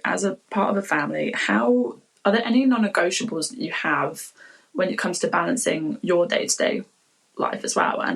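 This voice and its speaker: A woman's voice: lowish voice, gravelly, a bit bright, husky, low-quality recording. A woman hosting a podcast, asking friendly, loosely worded questions. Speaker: podcast host. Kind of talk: interview questions.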